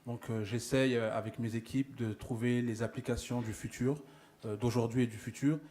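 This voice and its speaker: A man from France, an entrepreneur, speaking hesitantly with many pauses and fillers at a forum. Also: mid-range voice, fairly even intonation, mellow. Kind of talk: testimony at a forum.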